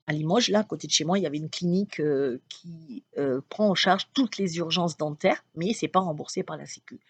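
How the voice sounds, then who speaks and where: A middle-aged woman from France, a channeler talking casually to her followers, chatty and quick to laugh, with lively storytelling and frequent restarts. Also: low-pitched, breathy edge, dry recording. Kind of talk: casual spoken monologue.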